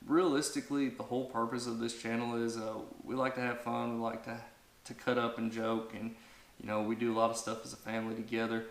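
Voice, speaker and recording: A man's voice: mid-range voice, flat delivery, a little fast, echoey room, a little hiss or hum. A man in his thirties hosting a family vlog, talking casually to camera and rambling with lots of fillers and restarts. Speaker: vlog host.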